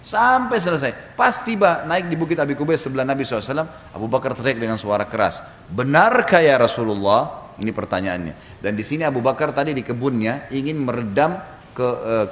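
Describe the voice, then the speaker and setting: A male preacher telling a story in a sermon, lively and chuckling, acting out the voices of the people in it. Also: mid-range voice, rapid-fire. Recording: echoey hall reverb, faint ambience.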